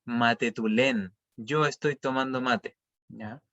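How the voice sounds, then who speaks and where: A man's voice: medium pitch, fairly even intonation, slow pace, a bit bright, highs cut off. A man teaching an online language class, explaining patiently and checking often that students follow.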